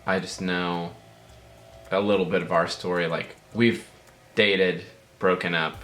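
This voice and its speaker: Young man, guest fiancé, lowish voice, forceful bright tone, joking manner. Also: faint music behind. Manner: relaxed, joking, a bit halting. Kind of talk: casual chat. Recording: roomy echo.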